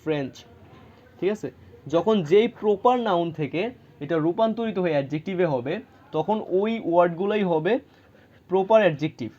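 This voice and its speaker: A man walks students through a grammar lesson, pausing often to ask whether they follow. His voice sits a little high. The recording sounds muffled and lo-fi. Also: lively intonation, dark tone. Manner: explains patiently, checks in with rhetorical questions. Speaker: English grammar teacher.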